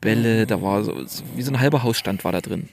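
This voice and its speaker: A young man casually telling a story on a podcast in slangy, animated speech. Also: lowish voice, quick pace, gravelly, a little hiss or hum.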